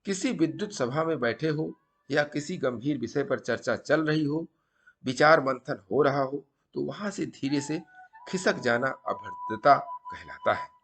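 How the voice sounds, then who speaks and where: A man voicing a calm, wise middle-aged holy man who counsels in a measured way, listing short rhyming rules of conduct. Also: a little high. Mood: instructive.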